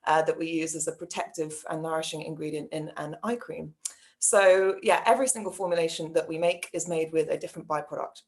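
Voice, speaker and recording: Lower-pitched woman founder introducing her business. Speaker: panelist, company co-founder.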